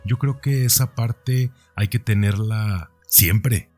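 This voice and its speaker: A podcast host in his forties talks through his own life in a reflective, conversational monologue, often checking his thoughts with a questioning tag. His voice is on the low side, slow and a little mellow.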